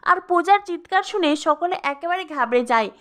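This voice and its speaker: A woman narrating a TV serial recap in a brisk storytelling manner. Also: extremely high pitch, animated, fairly bright tone.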